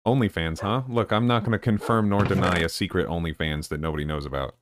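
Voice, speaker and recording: A man streaming a game live, chatting casually with viewers in a low-key, deadpan way. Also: quick pace. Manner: low-key and deadpan, even when excited. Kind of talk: casual live-stream chat while gaming. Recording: noisy with clicking in the background.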